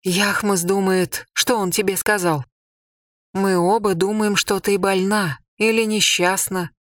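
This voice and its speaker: A reader voicing a gentle, earnest young woman in an audiobook, with a soft, questioning and slow delivery. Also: mid-range voice, fairly even intonation, no room sound, studio quality, close to an everyday voice. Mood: worried. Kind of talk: audiobook character voice.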